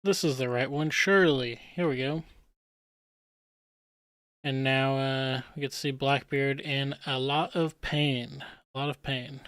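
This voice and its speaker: Male streamer, casual rambling commentary, smooth voice, dry close mic. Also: mid-range voice, a little slow, pauses often, no echo. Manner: relaxed, rambling, chuckles at himself. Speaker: streamer analyzing manga panels.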